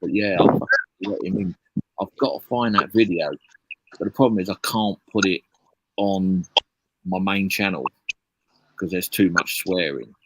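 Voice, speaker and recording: A man with a notably low, deep voice. He chats casually on a live stream, telling a long story in a blunt, profanity-heavy way. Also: moderate pace, pauses often, noisy background. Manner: heavy swearing, blunt rambling anecdote.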